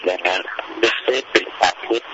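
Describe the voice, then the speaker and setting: A male caller to a call-in program who talks haltingly, with many fillers and restarts. He comes through a phone line that keeps breaking up. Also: low-pitched, heavy background noise. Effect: choppy phone line that keeps breaking up. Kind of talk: phoning in a question. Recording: dull, muffled call-in phone audio.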